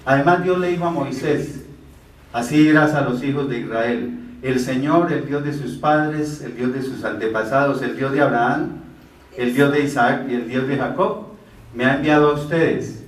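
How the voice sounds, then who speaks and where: Heard from afar in a roomy recording, a male Bible teacher and preacher speaks at medium pitch and normal speed. He explains the verses one step at a time and answers his own rhetorical questions.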